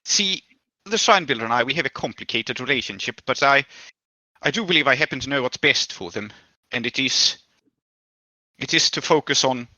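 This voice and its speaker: A man plays a polite schemer who talks in measured, formal phrases with a faint edge of menace. The tone is tense and very bright. The recording sounds dull and dry. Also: medium pitch, no echo.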